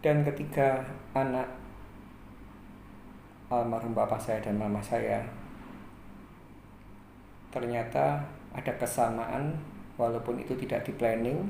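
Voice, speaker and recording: A man in his forties from Indonesia, hosting his channel and narrating his own life story in a measured way with frequent pauses. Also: mid-range voice, creaky, warm tone. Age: 40s. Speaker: channel host. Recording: echoey room, faint ambient noise.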